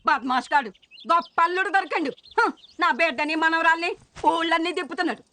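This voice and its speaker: An actress playing an older grandmother who scolds her good-for-nothing son-in-law in a sharp tirade. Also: very high-pitched, quick pace. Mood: scolding. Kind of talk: film dialogue.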